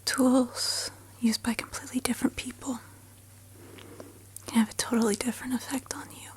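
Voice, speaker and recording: A woman in a whispered role-play of a spa pampering session, speaking softly and soothingly, with gentle personal attention to the listener. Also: fairly high pitch, flat delivery, normal speed. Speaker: ASMR host.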